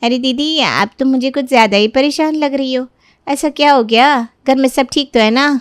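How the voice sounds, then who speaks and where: A woman's voice: sits high, moderate pace, no echo, clean studio sound, close to an everyday voice. A woman voicing a caring middle-aged mother in a cartoon story, coaxing and soothing in tone. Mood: consoling. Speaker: Madhu, Sonia's mother.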